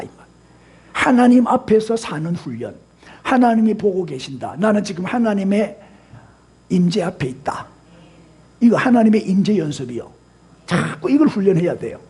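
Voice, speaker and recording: Male pastor, emphatic sermon voice, strongly raspy and high. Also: a little mellow. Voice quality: husky. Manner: emphatic, asks the congregation rhetorical questions. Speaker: senior pastor.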